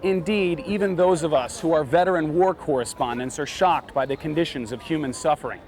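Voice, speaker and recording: A man delivering scripted television news reporting with measured, dramatic emphasis. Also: on the high side, a little mellow, slight background noise. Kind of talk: scripted broadcast news narration.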